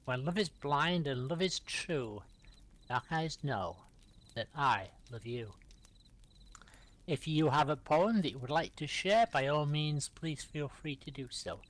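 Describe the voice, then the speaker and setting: A middle-aged man with a somewhat high speaking voice hosts a live poetry reading. He recites his own rhyming verse aloud and calmly invites the next reader between poems. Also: unhurried.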